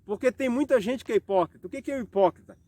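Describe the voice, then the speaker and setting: A man with a Brazilian Portuguese accent preaching a home worship sermon, reading scripture slowly and posing rhetorical questions. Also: very high voice, dark tone, no room sound.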